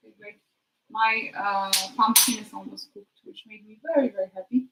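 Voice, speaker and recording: A woman chatting casually to her live stream while she cooks, thinking aloud in a halting way and trailing off. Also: mid-range voice, fairly even intonation. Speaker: streamer hosting a live cooking chat. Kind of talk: casual chat while cooking. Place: kitchen, next to the sink. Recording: noisy kitchen with clicks. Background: cooking noises and clicks.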